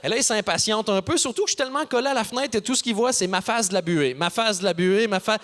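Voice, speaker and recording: A Canadian man doing stand-up, telling a story and acting out the people in it with quick voice changes. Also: high-pitched. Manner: animated, acts out characters with voices. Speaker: stand-up comedian. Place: theater stage before an audience.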